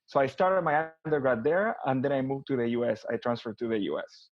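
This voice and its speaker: In a casual interview, a business consultant with an Argentine Spanish accent talks at an ordinary pitch and a slightly fast pace, often restarting and repeating words as he thinks. His unscripted, conversational speech comes through dry, without room echo, and somewhat muffled.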